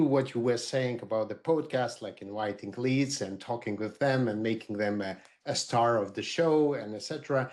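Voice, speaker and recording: A middle-aged man, speaking as a marketer on a group video call, halting with many fillers and restarts. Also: mid-range voice. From Lithuania. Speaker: roundtable participant, marketer.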